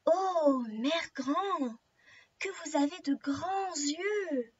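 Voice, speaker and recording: A woman doing a high cheerful little girl. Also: steady tone, lo-fi sound. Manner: high, bright, cheerful little voice, slow and wondering.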